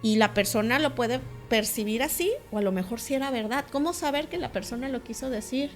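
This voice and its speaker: A higher-voiced woman speaks in a measured, explanatory way, like a teacher. She talks through her points carefully in a relaxed conversation. Soft music plays faintly behind her. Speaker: teacher and co-host. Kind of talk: casual conversation on a talk show.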